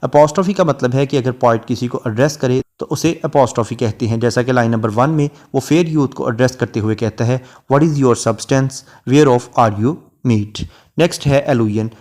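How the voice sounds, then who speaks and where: Measured male lecturer explaining poetry. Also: mid-range voice, a little mellow. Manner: reads English verse lines slowly, then explains in Urdu-flavoured Hindi. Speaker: literature lecturer.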